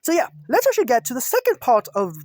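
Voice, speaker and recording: A woman's voice: high voice, wildly swooping pitch, fast, darkish tone, dry recording. A woman talking outdoors in a casual chat about game balance, chatty and often stumbling and restarting her words. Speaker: gamer giving balance ideas.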